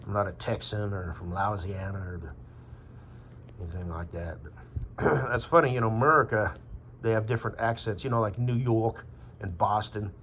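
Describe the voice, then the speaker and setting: A man's voice: lowish voice, normal speed, slight background noise. A man from Wyoming talking in a rambling, casual monologue, meandering with fillers and swearing. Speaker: vlogger. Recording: dull lo-fi with faint ambience.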